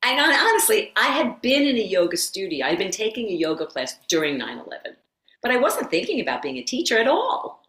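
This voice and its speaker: A middle-aged woman, a yoga teacher and former occupational therapist, telling her story as a guest in a casual interview, animated and quick to laugh. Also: medium pitch. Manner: animated storyteller who acts out quotes and laughs often. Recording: roomy echo.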